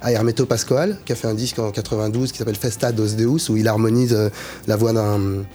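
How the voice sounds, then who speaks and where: A man's voice: fairly low pitch, fairly even intonation, a little fast, mellow. A male musician as an interview guest, talking in a casual, searching way and often restarting his phrases.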